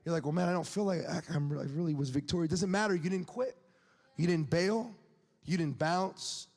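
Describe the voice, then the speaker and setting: In a large hall where a long reverb follows every word, a man in his late twenties delivers a sermon in an easygoing, candid way. His high voice is a little mellow and a little fast, and he laughs and asks the audience questions.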